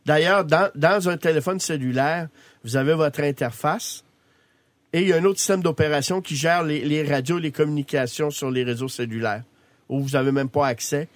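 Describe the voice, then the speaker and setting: A man's voice: fairly high pitch, normal speed, dry recording. A man with a Quebec French accent informally explaining technology as an expert guest on a radio show. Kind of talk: informal explanation, answering callers. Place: radio studio.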